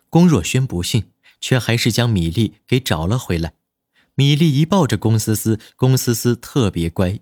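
A man narrating a romance audiobook in an expressive, storytelling manner at a close studio mic. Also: mid-range voice, dry recording. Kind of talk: scripted dramatic narration.

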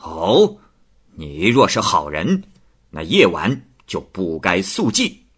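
A man voicing a stern, imperious magistrate of old China, barking slow, threatening questions in a storytelling reading. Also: deep voice, huge pitch swings, husky, exaggerated voice. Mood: cold. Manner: barks questions, drawn-out threatening delivery.

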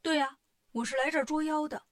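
A brash monkey king hero, as a woman storyteller voices him, snapping out orders in a brisk, direct way. The voice stays near the teller's own, fairly high. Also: steady tone, close to an everyday voice.

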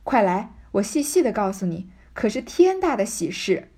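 A woman's voice: medium pitch, very animated, normal speed, dark tone, breathy edge. A woman doing a wheedling, fawning sister-in-law. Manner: wheedling, coaxing, secretive.

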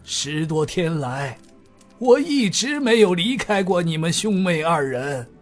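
A man voicing a weak but kindly old man in an audiobook, speaking slowly and softly in a raised, thin voice. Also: high-pitched, expressive, soft background music, pitched above the performer's own voice, exaggerated voice. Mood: grave. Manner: slow, soft, drawn-out elderly speech. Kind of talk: audiobook character voice.

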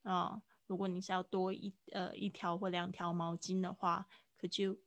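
A woman patiently explains English phrases to students in a live online class. Her voice has a gravelly edge, and the sound is dry and close, with no room behind it. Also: on the low side, little pitch movement, moderate pace, no echo. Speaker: English teacher.

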